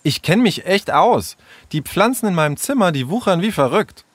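A man's voice: fairly high pitch, big pitch swings, no echo, pitched above the performer's own voice. A man voicing a bossy, headstrong young girl in a storybook reading. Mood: pushy. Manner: pushy, quick-tempered.

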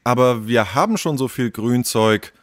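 A man's voice: mid-range voice, moderate pace, no room sound, studio quality, natural voice. A man voicing a restless, blunt young boy in a children's story. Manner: impatient, questioning.

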